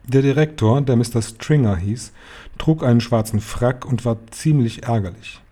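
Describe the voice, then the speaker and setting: A man reading a children's novel aloud in a calm, even storytelling voice. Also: medium pitch, moderate pace. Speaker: reader. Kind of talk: audiobook narration.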